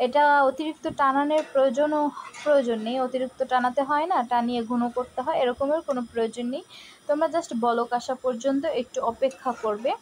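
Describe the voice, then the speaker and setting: A woman's voice: sits high, steady tone, fast talker. A young woman with a Barishal Bengali accent, chatting casually as she demonstrates a recipe in her home kitchen and keeps telling viewers to look. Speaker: cooking vlogger.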